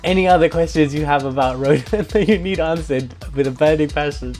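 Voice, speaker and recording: A man's voice: fairly high pitch, brisk, darkish tone, soft background music. A young British man streaming a mock lesson to his chat in a mock-serious manner, prone to chuckling.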